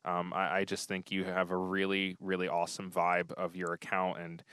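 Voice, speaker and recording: A man in his thirties hosts a casual chat. He talks in a lowish voice, full of ums and eager restarts, and the recording is close and dry. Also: monotone, normal speed, fairly bright tone, smooth, dry recording. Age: 30s. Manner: chatty, effusive, many fillers and restarts. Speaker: podcast host.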